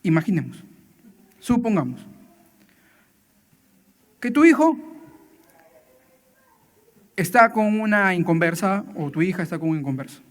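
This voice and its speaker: Man, high voice, church sermon, conversational, acts out dialogues, long hall reverb. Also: sing-song, measured pace, pauses often. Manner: conversational preaching, frequent tag questions, acts out dialogues. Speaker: church speaker.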